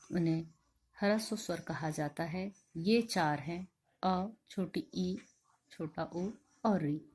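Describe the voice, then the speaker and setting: A woman's voice: medium pitch, darkish tone. A woman teacher giving a classroom grammar lesson, explaining step by step and asking questions that she then answers herself. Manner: drawn-out, carefully spoken examples. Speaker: school teacher.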